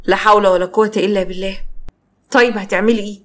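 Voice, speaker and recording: A woman's voice: medium pitch, fairly even intonation, fast talker, lightly acted. A woman voicing a supportive, practical Egyptian woman friend who asks what to do next. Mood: concerned. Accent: Egyptian Arabic.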